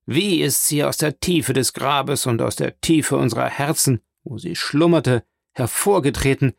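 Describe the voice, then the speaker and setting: A man reading a grim, tormented state prosecutor in an audiobook, somber, measured and heavy. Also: mid-range voice, gravelly, no echo, studio quality.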